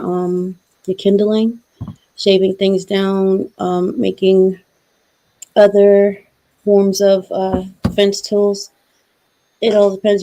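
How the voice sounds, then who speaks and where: Mellow, flat-toned woman giving advice. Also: mid-range voice. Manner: practical, matter-of-fact advice. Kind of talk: casual chat.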